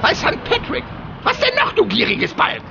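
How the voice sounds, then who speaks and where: A tiny bearded leprechaun for a video game, cranky and mischievous. He is very high-pitched and swoops wildly as he scolds theatrically, with clear ambient noise behind him. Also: wildly swooping pitch, moderate pace, muffled recording, heavily acted. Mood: grumpy. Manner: scolding, theatrical, full of quaint insults.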